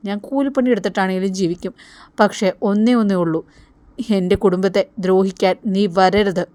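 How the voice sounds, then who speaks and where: A woman's voice: mid-range voice, steady tone, brisk, a little mellow, dry recording, natural voice. A woman voicing a young man who firmly warns a superior to leave his family alone. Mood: defiant. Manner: firm, warning.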